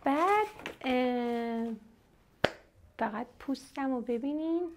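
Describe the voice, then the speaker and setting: Seated at home before her camera, a young beauty vlogger from Iran tries out makeup during a relaxed unboxing chat. Chatty and lively, she addresses viewers directly in a high voice, with noise audible in the background.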